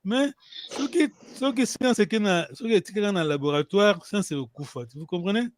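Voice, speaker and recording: A man with a notably high voice leads a language lesson, hesitating and restarting his phrases and stopping often to ask whether everyone has understood. The sound is dry and close, with no room echo. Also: fairly quick. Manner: checks understanding with the class. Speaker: language teacher.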